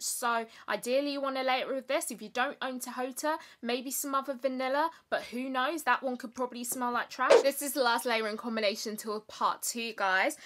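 A young woman talks to her viewers in a casual, chatty way, full of playful drama and quick whispered asides. Her voice sits a little high and sounds bright and forward. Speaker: perfume vlogger. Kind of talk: casual chatty review to camera.

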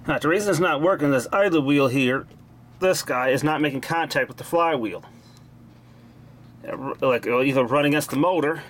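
A hobbyist repairing a vintage machine speaks a little high, at a moderate pace, with a fairly bright tone. What he says is casual, blunt, and salty as he works with his hands. The audio is amateur camera quality, noisy, with a mechanical hum.

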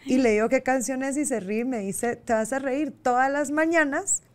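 Chatty woman guest, fairly high voice. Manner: chatty, quick to agree and laugh along. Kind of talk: casual conversation.

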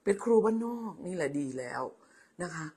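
A woman's voice: lowish voice, expressive, fairly quick, darkish tone, breathy edge. An older woman hosting a casual livestream, chatting in a motherly way, calling viewers "child" and thanking them by name. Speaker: livestream host.

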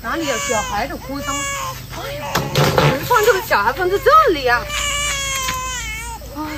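Skit role: heartbroken young mother, very high and tearful, noisy outdoor sound , played by a woman. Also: wildly swooping pitch, normal speed, heavily acted. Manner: tearful, pleading. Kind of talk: rural skit acting.

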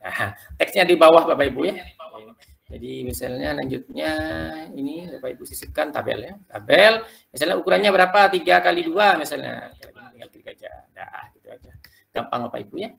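Gravelly-voiced man teaching teachers. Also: fairly high pitch, lively intonation, fairly bright tone. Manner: quick, loose explaining, keeps addressing listeners as "Bapak Ibu". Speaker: teacher-trainer leading a workshop for teachers. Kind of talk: live screen-share tutorial.

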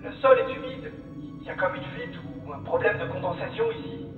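A man's voice: high-pitched, wildly swooping pitch, brisk, narrow, tinny audio. A man playing an anxious young soldier reporting to his squad in a science-fiction audio drama. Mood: tense reporting. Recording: roomy, distant sound under music.

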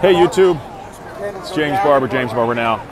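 A Broadway actor in his forties vlogs live, chatting casually to viewers on his phone while walking a street fair on a crowded city street. His medium-pitched voice moves at a moderate pace, upbeat and full of fillers. He uses an earbud headset mic with the phone at arm's length, and the street crowd is audible behind him.

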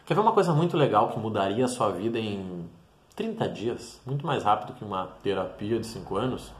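A man's voice: lowish voice, animated, fairly quick. Blunt man giving a motivational talk. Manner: blunt, emphatic, addresses viewer directly. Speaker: mentor and vlogger. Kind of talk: motivational monologue to camera. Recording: roomy echoey room.

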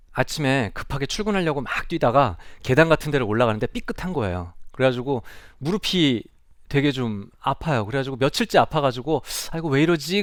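A man's voice: medium pitch, dry recording. Male psychiatrist giving a stage talk, storyteller type, asks the audience questions, mid-range voice, dry close sound. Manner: storytelling, acts out quoted speech in a raised voice; addresses the audience directly with questions. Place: lecture stage before an audience.

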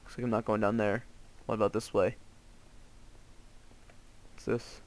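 A man's voice: on the low side, level tone, measured pace, a little mellow. A young man playing a horror game and commenting as he goes, joking and yelping in panic at the scares. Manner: jokey, jumpy, yelps and panics at scares. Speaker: gamer playing a horror map. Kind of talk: let's play commentary.

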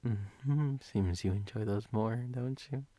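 In an ASMR role-play, a man plays a sleepy, teasing, doting boyfriend. His husky, breathy voice sits on the low side with a dark tone and no echo, and it often drops to a halting, intimate whisper.

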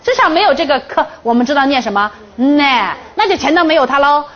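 A woman's voice: high-pitched, animated, fast. A woman English teacher leading a classroom phonics lesson, drilling the class with counted chants and playful, teasing questions. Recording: dull lo-fi classroom recording.

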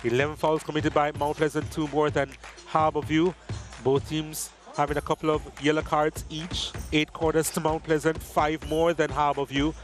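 A man giving measured football commentary over match highlights, reading lineups and stats. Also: little pitch movement, soft background music.

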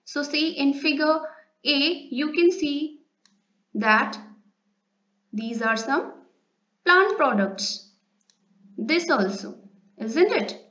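A woman schoolteacher with an Indian accent reads and explains a lesson to children. She speaks at a slow, deliberate pace in a high voice, often turning statements into questions. The sound is a little dull and lo-fi. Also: expressive, sharp tone. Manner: didactic, asking questions of children with tag questions. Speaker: school science teacher. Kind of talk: children's textbook lesson, reading aloud and explaining. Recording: roomy echo, dull lo-fi sound.

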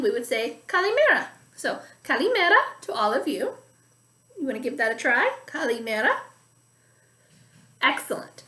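Speaking from her dining room at home, a woman in her thirties gives young children a music lesson, talking slowly and clearly and singing phrases for them to repeat. Her voice is high and fairly bright. A webcam or laptop at arm's length records her.

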